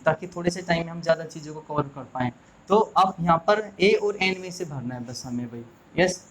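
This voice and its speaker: A man's voice: a little high, slight background noise, rough recording. Indian male teacher quizzing his class. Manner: coaxing, quizzes viewers with repeated questions. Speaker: English teacher. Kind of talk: classroom lesson explaining grammar.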